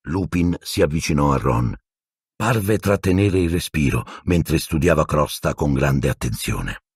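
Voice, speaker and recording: Low, husky male narrator, animated storybook delivery, dry close mic. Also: unhurried, no room sound. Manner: expressive reading, voices each character. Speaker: audiobook narrator.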